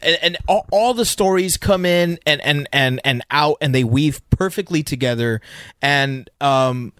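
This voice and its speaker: Halting man in podcast chat. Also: fairly high pitch, fairly bright tone, clear, resonant tone, dry recording. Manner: halting, frequent restarts. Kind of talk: casual chat.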